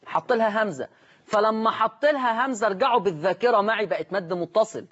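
A man's voice: sits high, fast, fairly bright tone. An Egyptian-accented man teaches Quran recitation on a broadcast lesson. He poses questions and answers them himself, repeating each key term. The audio is slightly dull.

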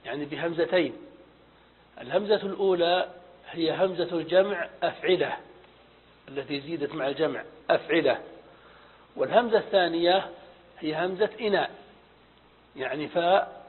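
A man teaching Arabic grammar in a methodical lecture, asking and answering his own questions and repeating key terms. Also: on the high side. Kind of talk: classroom lecture on morphology and syntax. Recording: phone-like audio with long hall reverb.

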